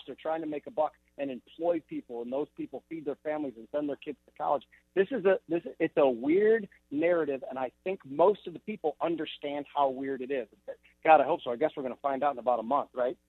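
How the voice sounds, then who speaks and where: Brief: man guest analyst, fast exasperated talk, tinny phone-like remote line. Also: on the high side, husky, no room sound. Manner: exasperated, animated. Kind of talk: remote TV interview.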